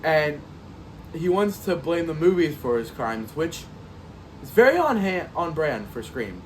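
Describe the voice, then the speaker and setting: There's a little hiss or hum as a man, fairly high-voiced and a little slow, reviews a horror sequel solo on his podcast. Animated and sarcastic, he jokes his way through and plays out pretend audience reactions.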